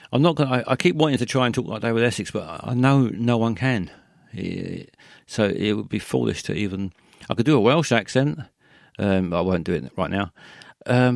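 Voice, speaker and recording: A man hosts a call-in radio show with a low, gravelly voice. He wanders from thought to thought, stalling on fillers and restarting his sentences. The sound is dry and close to the mic. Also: dry recording. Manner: meandering, halting, many fillers and restarts. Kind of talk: rambling one-man call-in chat.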